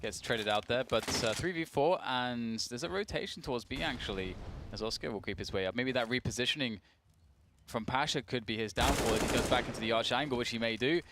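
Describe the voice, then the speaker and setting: A man's voice: medium pitch, brisk, noisy background. A man working as an esports caster, calling live game action in short reactive bursts. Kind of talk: live esports play-by-play commentary with casual banter. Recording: loud game gunfire and clicks behind. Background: video game gunfire.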